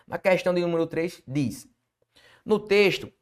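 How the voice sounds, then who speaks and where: A man's voice: high-pitched, normal speed. A man with a Brazilian Portuguese accent teaching an exam-prep grammar lesson, quizzing the viewer with rhetorical questions.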